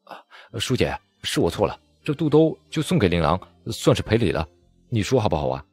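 A man voicing a playful young man of about twenty who speaks sheepishly and haltingly. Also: fairly low pitch, very animated, a little mellow, husky. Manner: sheepish, hesitant.

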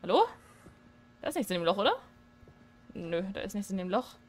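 With a medium-pitched, sing-song voice and a fairly quick delivery, a female gaming streamer jokes and chats through a let's play of a horror game. She talks to viewers at her desk microphone and shrieks when startled.

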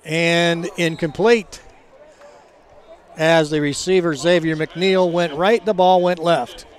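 A man doing live football play-by-play commentary in a halting, conversational way. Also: on the high side, steady tone. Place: outdoor college football game. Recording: crowd noise behind, outdoor stadium. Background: game crowd.

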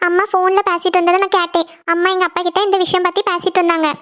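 A woman voicing a heartbroken, tearful young woman who speaks haltingly in a cartoon. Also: very high-pitched, little pitch movement, a bit bright, muffled recording. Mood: sad. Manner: halting, self-pitying. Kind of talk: cartoon voice acting.

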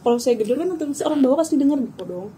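A young woman tells a personal story in relaxed, slangy chat. Her voice sits high but sounds mellow and soft-edged, and she breaks into the shouts she remembers while retelling it. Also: rapid-fire, a little hiss or hum, rough recording. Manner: animated, acts out her own shouts and screams; casual slangy speech. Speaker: guest telling her experience. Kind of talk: casual storytelling.

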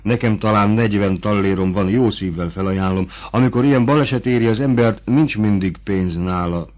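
A man reading an audiobook, voicing a kind, caring innkeeper's wife in a raised, gentle voice. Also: on the low side, close to an everyday voice. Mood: worried. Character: kind, warm-hearted innkeeper's wife, adult woman.

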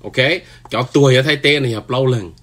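A man's voice: medium pitch, extremely slow, a bit bright. A man hosting a solo news talk show, speaking loosely with many fillers and often pushing his voice up for emphasis.

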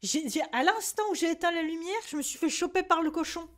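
A woman streaming a horror game live, talking excitedly to her viewers and the game and swearing often. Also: extremely high pitch, a little fast.

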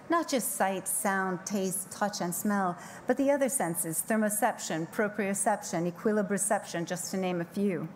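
A middle-aged woman giving a scripted keynote speech from a podium on a large conference stage, with a measured, poetic delivery and slow emphatic pauses. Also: medium pitch, slight background noise. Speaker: keynote speaker. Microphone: podium microphone.

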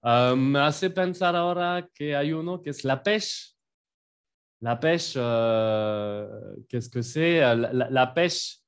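A man from France, teaching phrases in a patient online lesson and repeating each phrase slowly for learners. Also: mid-range voice. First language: French. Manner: writes on a board while explaining. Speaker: French teacher.

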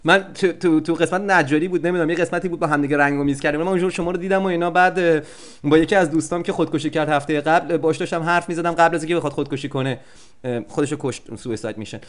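A man's voice: on the high side, fairly even intonation. A man improvising a comic phone prank, rambling and stammering in a mock-polite way. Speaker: prank caller.

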